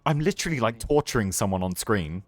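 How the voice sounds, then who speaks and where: A man's voice: on the low side, expressive, fast talker. A British man streaming a war video game live, joking and chatting with his viewers as he plays. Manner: joking, chatty, reads chat aloud.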